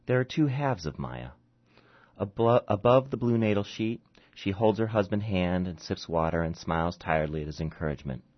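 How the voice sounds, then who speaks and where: A man, an author, reads his own short story aloud and chats haltingly with fillers between readings, in a dull lo-fi recording. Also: low-pitched, lively intonation. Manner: halting, with fillers, when chatting.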